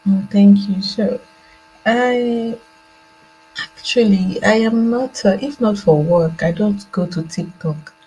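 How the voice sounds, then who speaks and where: Joining a panel discussion remotely from a laptop indoors, a woman with a Nigerian accent speaks slowly in a mellow, medium-pitched voice. The low-quality recording carries some hiss or hum. Her unscripted opinions come hesitantly and reflectively, with phrases repeated for emphasis.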